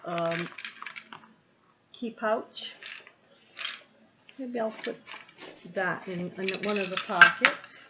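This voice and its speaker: A woman vlogger talks through an unboxing in an easy, unhurried way, thinking aloud and filling pauses with little ums. The recording is a bit muffled, with a faint hiss underneath. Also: mid-range voice. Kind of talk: casual unboxing chat. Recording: slightly muffled with faint noise.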